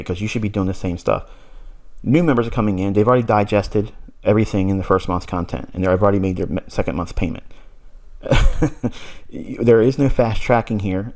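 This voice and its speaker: In a recorded trading mentorship lesson, a man in his forties lectures bluntly and insistently, repeating his points and letting out short laughs. His voice is fairly low with a darkish tone.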